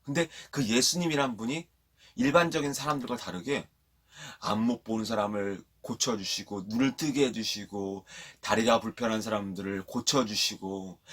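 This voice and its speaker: A man preaching a sermon to children at a church online service, telling the story in a lively way and asking the children questions. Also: medium pitch, breathy edge.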